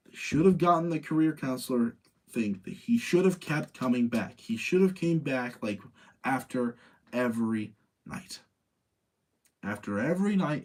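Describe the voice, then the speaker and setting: The husky, mid-range voice belongs to a man hosting a livestream where he reviews movies. His commentary is casual, opinionated, and rambling, and he repeats himself to drive points home.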